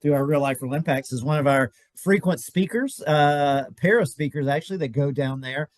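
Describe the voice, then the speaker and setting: Male podcast host, encouraging and friendly, fairly high voice, dry close sound, casual interview. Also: normal speed, dry recording. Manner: friendly, encouraging, hesitant fillers.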